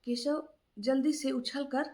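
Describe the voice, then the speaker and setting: A woman's voice: high voice, fairly even intonation, slow, mellow. A woman casually telling a moral story aloud, unscripted, with frequent fillers and restarts.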